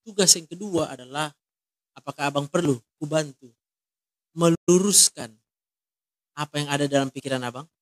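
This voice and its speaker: A man's voice: on the high side, moderate pace, long pauses, no echo. A man, counseling someone one-on-one and asking many short, direct questions. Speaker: counselor in a ministry.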